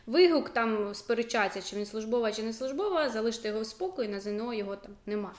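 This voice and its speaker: A woman's voice: a little high, animated, quick pace. Chatty woman teacher in an echoey room. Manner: chatty, loose, with many fillers and asides. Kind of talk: casual explanatory lesson.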